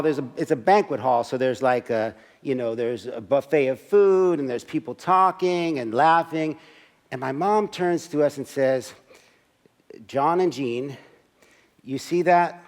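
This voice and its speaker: A man in his sixties tells a personal story as a one-man stage piece, with a voice a bit higher than most men's. He keeps it conversational and acts out each moment with asides to the audience. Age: 60s. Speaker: solo stage performer. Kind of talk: autobiographical storytelling monologue. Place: church service.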